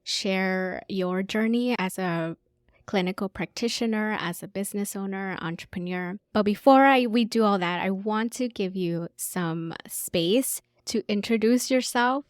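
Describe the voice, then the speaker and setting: A woman's voice: mid-range voice, measured pace, smooth, no echo, studio quality. A woman business coach hosting her own podcast, speaking in an upbeat, enthusiastic way as she introduces the show and her guest.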